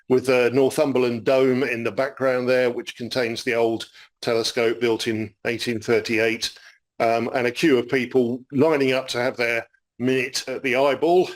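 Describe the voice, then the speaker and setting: A man with a mid-range voice gives a friendly public astronomy lecture, explaining things as he works through his slides and using frequent fillers.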